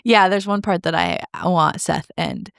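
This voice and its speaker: A woman co-hosting a casual podcast from home, talking in a relaxed, rambling way with many fillers. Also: fairly low pitch, normal speed, gravelly, smooth, no room sound, clean studio sound. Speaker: podcast co-host. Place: home in Southeast Michigan.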